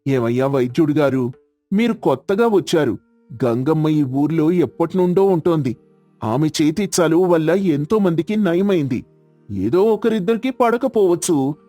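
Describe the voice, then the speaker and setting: A stubborn, older village headman lectures and waves off a warning in a storybook tale voiced by a man. His voice sits a little high and sounds dry and close, with faint music under it. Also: expressive, normal speed, mellow, dry recording, natural voice. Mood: dismissive. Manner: dismissive, lecturing.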